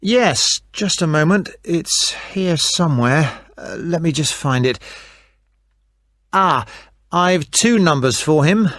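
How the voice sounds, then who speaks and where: Man playing a slow, helpful race organiser. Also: fairly high pitch, animated, a bit bright, no room sound. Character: helpful, unhurried male race organiser on the phone. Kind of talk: scripted listening-test dialogue.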